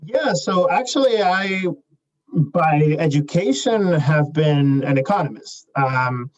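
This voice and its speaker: A young adult man from Chile, a startup CEO answering interview questions in a measured way, with many fillers and restarts. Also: a little high, expressive, highs cut off.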